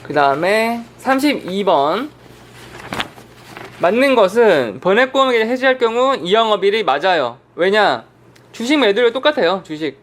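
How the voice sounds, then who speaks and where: A man lecturing for an online exam prep course, his voice sitting high and swinging widely up and down. He talks casually, throwing questions at the class and answering them himself. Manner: animated, asks and answers his own questions. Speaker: insurance exam instructor.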